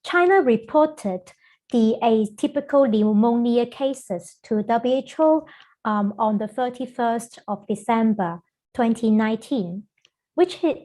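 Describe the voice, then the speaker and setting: The guest lecturer is a middle-aged woman from Hong Kong giving an online talk via video call. Her mellow, somewhat high voice proceeds at a measured pace, with fillers frequently slipped between phrases.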